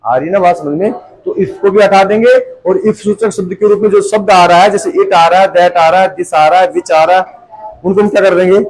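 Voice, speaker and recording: A man with a high, bright-pitched voice lectures a classroom of students. He repeats each point and keeps checking with rhetorical questions whether the class follows. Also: steady tone, normal speed, rough recording. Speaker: tuition teacher.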